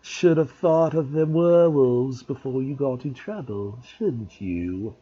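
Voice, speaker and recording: A man voicing a bullying old male school caretaker, drawn-out and cackling with nasty glee in a husky tone, on a dull lo-fi recording. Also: medium pitch, expressive, mellow. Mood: gloating.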